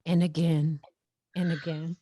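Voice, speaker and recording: A woman's voice: sits low, flat delivery, a little slow, mellow, dry recording. Heartfelt woman podcast host, dry sound. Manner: heartfelt, rambling, laughs and tears up. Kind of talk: emotional podcast interview.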